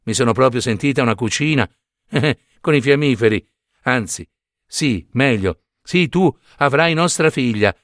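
A man's voice: mid-range voice, expressive, unhurried, fairly bright tone, dry recording, studio quality, pitched below the performer's own voice. A man voicing a fairy-tale queen, pleased with the story she has heard.

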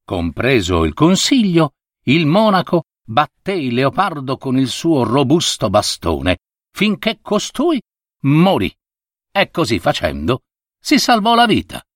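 A man narrating a storybook fable in an expressive, lively reading style. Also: fairly high pitch, takes it slowly, dry recording, clean studio sound.

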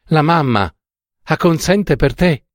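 A man voicing an exuberant, teasing young woman in a literary audiobook, in a high, excitable voice with quick swings of pitch. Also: no room sound, clean studio sound. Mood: excited. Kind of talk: audiobook reading of a literary short story.

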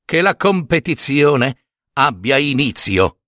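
A man's voice: medium pitch, very animated, takes it slowly, fairly bright tone, no room sound, studio quality. A man doing a curt, stern old goddess. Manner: curt, cold.

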